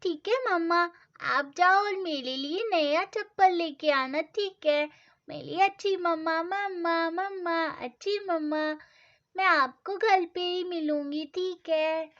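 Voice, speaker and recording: A woman's voice: very high voice, slow, a bit bright, exaggerated voice. A woman voicing a timid little girl with a childlike lisp, whiny and pleading, in a storybook doll-play story. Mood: sweet. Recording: dull lo-fi sound.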